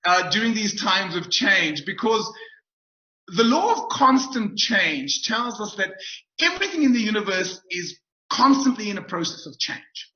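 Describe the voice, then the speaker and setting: A man's voice: sits high, very animated, unhurried, pushed and bright. A man giving an upbeat, emphatic webinar talk as a motivational speaker, repeating his key phrases over a video call. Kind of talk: webinar presentation. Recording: roomy, dull video call audio.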